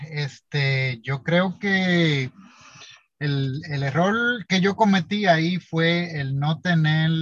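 Slow, halting man, lo-fi sound. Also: on the high side, fairly bright tone, no room sound. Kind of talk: casual conversation. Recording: dull lo-fi sound.

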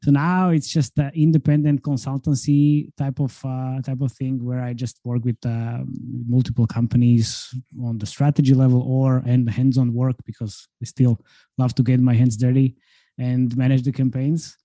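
A man from Slovakia chats easily as an interview guest, filling pauses and laughing often. His voice is very dark and mellow. The sound is dry and close, as on a video call from a room at home. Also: medium pitch, no echo. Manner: relaxed, chatty, laughs often, many fillers. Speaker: guest, marketing consultant. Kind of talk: casual interview talk.

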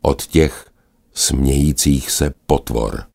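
A man narrating a children's animal story in a gentle, expressive manner. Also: a bass voice, vocal fry.

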